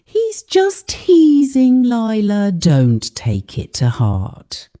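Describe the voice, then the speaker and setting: A woman storyteller voicing an anxious, placating mother in a soft, pleading tone. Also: medium pitch, very animated, slow pace, pitched above the performer's own voice.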